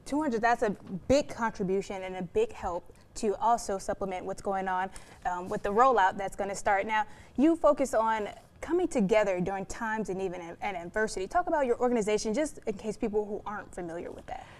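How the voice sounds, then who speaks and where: A woman's voice: mid-range voice, a little fast. A woman speaking as a morning show host, putting questions to guests in a broadcast interview.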